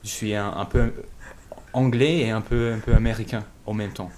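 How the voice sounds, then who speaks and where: Un homme venu d'Angleterre, de langue maternelle anglaise, qui répond en interview d'un ton hésitant en cherchant ses mots. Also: male voice, on the low side, steady tone, a little mellow, a little hiss or hum. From England. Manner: halting, searching for words. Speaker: guest. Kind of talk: interview answers.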